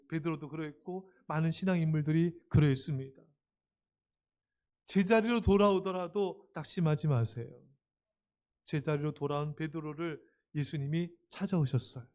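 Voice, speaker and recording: A middle-aged man preaching a sermon as pastor, moving from soft, gentle lines to loud, emphatic ones and acting out the voices in his quotes. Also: a little high, normal speed.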